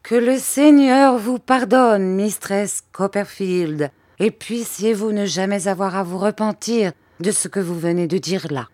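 A woman's voice: mid-range voice, measured pace, few pauses, darkish tone, dry recording, voice pushed up, natural voice. A woman voicing a loyal, plain-spoken older housemaid who speaks earnestly and solemnly. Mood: solemn reproach.

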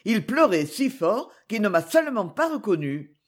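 A woman's voice: medium pitch, big pitch swings, normal speed. A woman voicing a matter-of-fact village baker in a storybook reading, plain and explanatory.

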